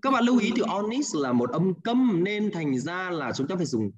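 A man's voice: high-pitched, big pitch swings, moderate pace, over a noisy crowd. Male Hanoi teacher, patient, checks in often, muffled line. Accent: Hanoi Vietnamese. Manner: patient, repeats answers, ends with "đúng không ạ?". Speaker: English teacher. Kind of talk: online class, guiding students through exercises.

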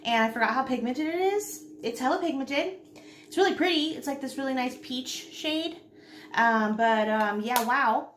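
A woman's voice: high voice, moderate pace, fairly bright tone. A woman in her thirties chatting casually through a makeup tutorial as a beauty vlogger, repeating herself for emphasis. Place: small indoor room at home, seen on camera. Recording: roomy home recording with faint noise.

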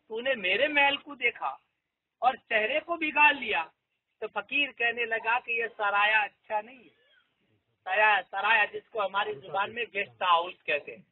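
A man's voice: extremely high pitch, a little hiss or hum. A man telling a moral story as a devotional sermon, repeating key lines for emphasis. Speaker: preacher. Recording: tinny phone-like audio.

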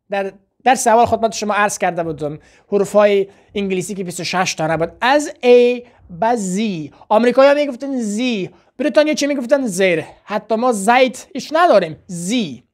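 A woman with an Afghan Dari accent teaching a spoken language lesson, slowly repeating words for drill and asking and answering her own questions. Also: on the high side. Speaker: English teacher.

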